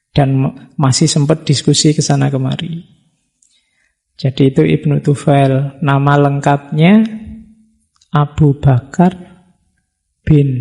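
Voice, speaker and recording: Gravelly Javanese-accented man lecturing. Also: fairly high pitch, mellow. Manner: chatty, joking asides, plainspoken. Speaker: lecturer on Islamic philosophy. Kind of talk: casual religious study lecture. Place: mosque study hall.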